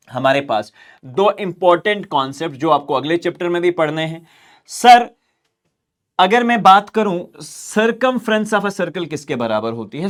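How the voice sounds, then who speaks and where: High-voiced Kashmiri maths teacher. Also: male voice, fairly bright tone. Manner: calls students "beta", asks and answers his own questions, repeats key terms. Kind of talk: classroom lecture.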